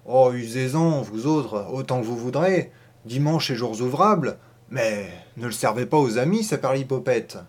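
A man reading aloud and voicing a loud, brash, anticlerical middle-aged man who declaims his words emphatically and mockingly in an audiobook. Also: mid-range voice, animated, unhurried. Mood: scoffing, loud.

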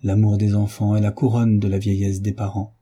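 A man voicing an elderly, grey-bearded village priest who speaks gravely with a melancholy tone, in an audiobook reading. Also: lowish voice, little pitch movement, brisk, dark tone. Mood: tender.

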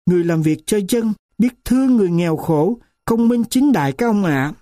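A man voicing an indignant grandmother near seventy who speaks slowly and weightily in a mellow voice. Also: high-pitched, lively intonation, dry recording, studio quality. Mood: aggrieved. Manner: pleading then accusing, slow weighty delivery.

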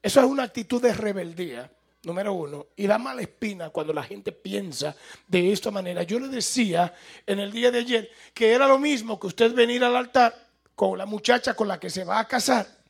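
Male pastor, jovial preacher, high and husky voice. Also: brisk. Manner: jovial, laughs at his own slips. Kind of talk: sermon.

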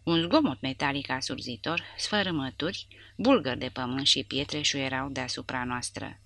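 A woman's voice: rumbling low, fairly bright tone. A woman reading a war novel aloud as an audiobook narrator, with dramatic storytelling delivery. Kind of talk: scripted narration.

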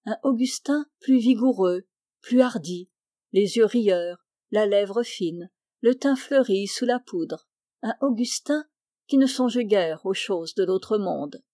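Une femme lit un roman classique d'une voix posée et mesurée. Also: female voice, mid-range voice, slow, warm tone, no echo, clean studio sound. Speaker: audiobook reader. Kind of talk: literary audiobook narration.

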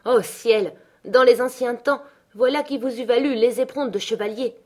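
A woman voicing a proud, quick-tempered young woman in an audiobook, scornful and dramatic. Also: medium pitch, darkish tone, lightly acted. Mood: mocking. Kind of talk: audiobook character reading.

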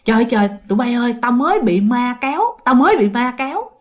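A woman's voice: on the high side, lively intonation, fast talker, close to an everyday voice. A woman voicing a startled male construction worker who bluntly retells being dragged off scaffolding at night. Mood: shaken, indignant. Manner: agitated, blunt slangy retelling.

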